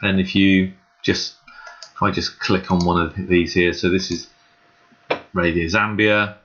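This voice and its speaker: Unhurried and a bit bright, this man's low voice shows little pitch movement as he hosts a hobbyist screen walkthrough vlog. His delivery is casual, earnest and hesitant, recorded through a muffled, dull lo-fi microphone.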